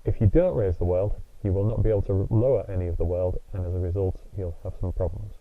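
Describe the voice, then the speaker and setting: A man with a lowish voice talks through a screen-recorded software lesson, patiently explaining each step. The sound is thin and tinny, as if squeezed through a phone line or a cheap computer mic. The audio quality is poor throughout. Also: fairly even intonation, fast talker, no room sound. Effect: tinny low-quality sound. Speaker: software tutorial teacher. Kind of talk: screen-recorded tutorial narration.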